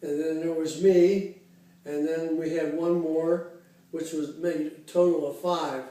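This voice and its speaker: A man in his eighties from Cincinnati, Ohio, recalling his life in an interview, unhurried and halting with many fillers. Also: fairly high pitch, fairly even intonation, mellow. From Cincinnati, Ohio, USA. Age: 80s. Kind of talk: casual oral history interview. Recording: very echoey room, voice far from the mic.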